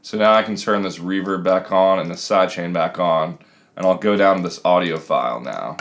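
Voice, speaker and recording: Man, thirties, low pitch, casual tutorial narration, explanatory, home room, some music behind. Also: normal speed, a bit bright.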